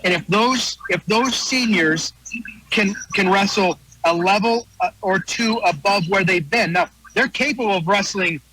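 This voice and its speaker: High, bright-voiced American man, folksy sports talk. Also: measured pace, slightly rough, no echo, rough recording. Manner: folksy, repeats phrases for emphasis. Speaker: wrestling announcer and guest analyst. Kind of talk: casual sports preview interview.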